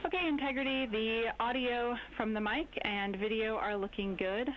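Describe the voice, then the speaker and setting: A woman's voice: fairly high pitch, moderate pace. Woman on a mission control radio loop. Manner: crisp, procedural radio calls. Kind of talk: radio communications protocol. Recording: muffled radio feed with faint hiss.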